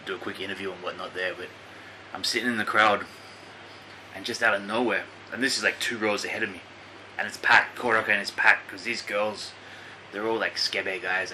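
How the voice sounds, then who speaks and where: Thirties guy from australia, lowish but really bright voice, chill and blunt. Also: fairly even intonation, brisk, a little hiss or hum, poor audio. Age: 30s. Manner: laid-back, blunt, laughs easily. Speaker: podcast guest. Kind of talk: casual chat.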